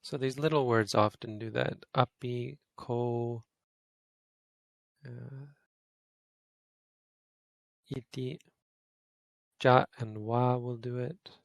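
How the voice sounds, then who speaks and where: A man's voice: mid-range voice, fairly even intonation, extremely slow, vocal fry, pauses often, dry recording. A man, a Buddhist monk, giving an informal grammar lesson to a study group, thinking aloud and correcting himself as he goes. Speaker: Buddhist monk teaching Pali.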